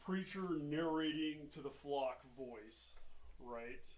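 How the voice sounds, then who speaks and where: A man playing a tabletop roleplaying game, chatting casually and animatedly and quick to laugh and swear. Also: on the high side. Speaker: player. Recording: roomy, off-mic.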